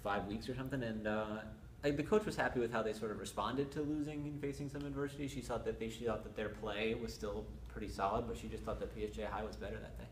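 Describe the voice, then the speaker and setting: Relaxed man with dry humor, echoey. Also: on the low side, quick pace. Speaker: sports reporter. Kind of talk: casual podcast chat. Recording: roomy echo, faint noise.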